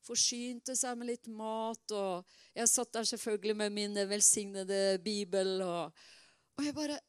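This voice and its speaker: A middle-aged woman preaching a sermon in a lively, conversational way, with many asides and repeated words. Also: medium pitch, clean tone, no room sound, clean studio sound.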